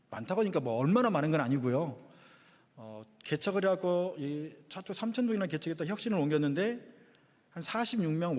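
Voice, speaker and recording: A middle-aged man preaching a sermon in a chatty, self-deprecating way with touches of humor. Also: fairly high pitch. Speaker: guest pastor. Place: church sanctuary. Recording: long church reverb.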